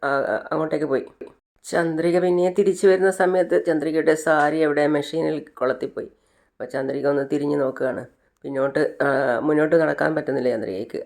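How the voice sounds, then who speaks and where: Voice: medium pitch, creaky, darkish tone. Casual storyteller retelling a TV serial. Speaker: narrator.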